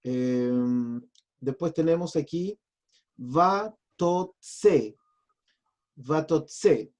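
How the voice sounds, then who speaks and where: A man's voice: fairly high pitch, lively intonation, normal speed, warm tone. A man, a pastor teaching a biblical Hebrew class in a patient, chatty, explanatory way. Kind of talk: online class lecture.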